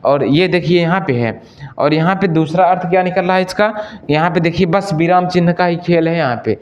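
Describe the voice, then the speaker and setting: A male Hindi teacher with a fairly high voice leads an exam-prep lesson, the recording's highs cut off. He repeats each question to the class, answers it himself, calls listeners friends, and draws out example sentences slowly.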